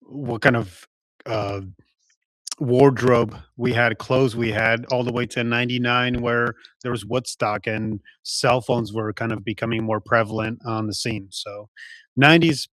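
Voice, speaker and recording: Forties guy from Poland, Polish first language, podcast guest, unhurried and reflective, dead-dry mic. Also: mid-range voice, fairly even intonation, fairly bright tone, no echo. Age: 40s. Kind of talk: casual interview.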